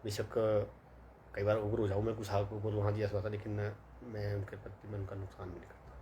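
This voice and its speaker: A man's voice: fairly low pitch, monotone, fast. Young man, rambling story, many fillers, faint background hiss. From Himachal Pradesh, India. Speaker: vlogger. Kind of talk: casual storytelling monologue.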